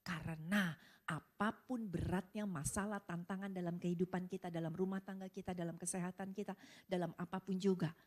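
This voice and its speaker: A woman pastor preaching to a women's service, telling a story with animated, rising emphasis. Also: on the low side, fairly quick. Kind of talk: sermon with storytelling.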